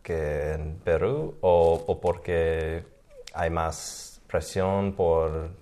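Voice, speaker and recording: A man's voice: deep voice, warm tone. A man from Maine, chatting hesitantly in a casual conversation, restarting his words often. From Maine, USA. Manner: hesitant, halting with many restarts. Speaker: conversation partner. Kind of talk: casual chat in Spanish.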